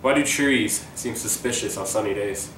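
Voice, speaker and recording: A man's voice: fairly low pitch, moderate pace. A young man telling jokes in casual banter with a friend, laughing readily and saying dude often. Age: young adult. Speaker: contestant in a try-not-to-laugh joke challenge. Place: living room couch, indoors. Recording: echoey room, distant mic, faint noise.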